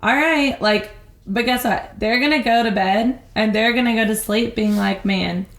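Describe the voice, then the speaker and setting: A woman co-hosting a podcast in casual chat, talking in an animated way and acting out little scenes. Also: on the high side. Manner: animated, acts out little scenes in quick voices. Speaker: podcast co-host. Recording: roomy echo.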